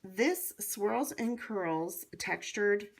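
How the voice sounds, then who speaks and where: An American woman with a hoarse, cold-affected voice hosts a casual how-to craft demonstration in a chatty, enthusiastic way. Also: mid-range voice, very slow, slight background noise. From North Carolina, United States. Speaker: craft tutorial host.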